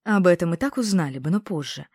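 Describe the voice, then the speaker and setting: A woman's voice: lowish voice, lively intonation, fast, slightly rough, dry recording, clean studio sound. A woman doing a fierce, bossy witch. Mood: insistent. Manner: sharp and commanding.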